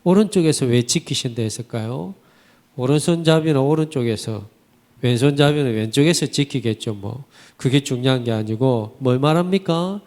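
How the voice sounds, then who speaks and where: With a mid-range voice at a moderate pace, a pastor delivers a Sunday sermon in the sanctuary, posing rhetorical questions and telling lively stories in vivid everyday language. The recording carries church hall reverb.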